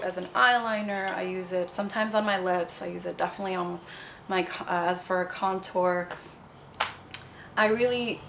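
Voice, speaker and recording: A young Nepali woman who founded a cosmetics brand answers interview questions in a bubbly, chatty manner, often saying "you know." Her voice is fairly low and a bit bright, with slight background noise.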